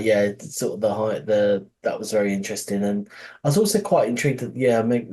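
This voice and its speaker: Male podcast co-host, husky and low, rambling, loose and sweary. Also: mellow. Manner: rambling, laughing, swears freely. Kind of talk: casual chat.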